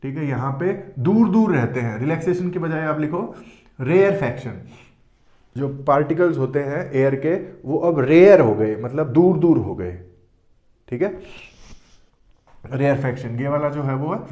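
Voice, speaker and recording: A man's voice: fairly high pitch, lively intonation, measured pace, pauses often, mellow, dull audio. A man teaching a board lesson who asks questions and answers them himself, often saying "theek hai". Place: classroom with board. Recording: echoey room.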